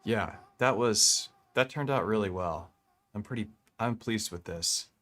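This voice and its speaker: A man's voice: lowish voice, a little slow, fairly bright tone. A man talking through a vocal processor that heavily compresses his voice. He is an electronic music producer chatting casually and enthusiastically on a live stream, rambling and restarting his sentences. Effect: voice heavily compressed through a vocal effects processor.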